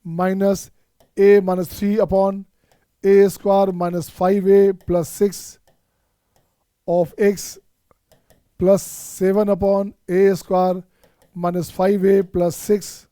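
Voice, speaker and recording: A man's voice: high-pitched, completely flat delivery, drawn-out words, long pauses, warm tone, no echo, studio quality. A man from India teaching math in an online exam-prep lecture, mixing Hindi and Indian-accented English and coaxing his students, whom he calls children, to solve each step themselves.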